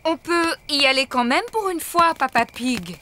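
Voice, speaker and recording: A woman's voice: sits high, normal speed, heavy background noise, natural voice. A woman voicing a kind, playful mother pig in a children's cartoon, patient and encouraging, with a singsong delivery. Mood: gentle. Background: music.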